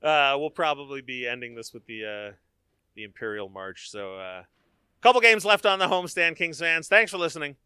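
A man hosting a postgame chat, telling stories and joking in an animated way. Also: on the high side, normal speed, clean tone. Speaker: host. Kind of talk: casual chat.

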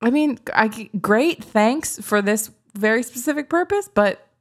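A woman co-hosting a podcast in casual chat, animated and quick to joke, sounding incredulous at times. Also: fairly high pitch. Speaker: podcast co-host.

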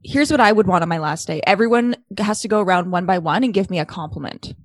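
A woman's voice: on the low side, quick pace, dry recording. A young woman co-hosting a podcast, chatting casually with a wry, teasing manner. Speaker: podcast co-host. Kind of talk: casual chat.

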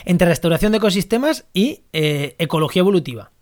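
Fast-talking manchego man hosting a podcast. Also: sits high, animated. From La Mancha, Spain. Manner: eager, self-correcting. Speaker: podcast host. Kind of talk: casual podcast conversation.

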